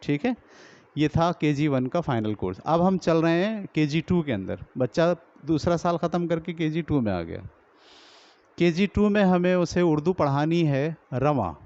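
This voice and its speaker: A man training teachers, explaining step by step, asking and answering his own questions and sounding out drill words slowly, with a Pakistani Urdu accent. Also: a little high, lively intonation, a little mellow. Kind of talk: lecture on teaching reading. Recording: dull lo-fi recording.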